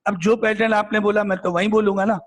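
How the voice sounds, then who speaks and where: High-voiced male teacher drilling a class. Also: level tone, fast talker, big-room sound, slight background noise. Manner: repetitive, drilling questions back at the class. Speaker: math teacher. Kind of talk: classroom lecture, questioning students. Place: classroom with students.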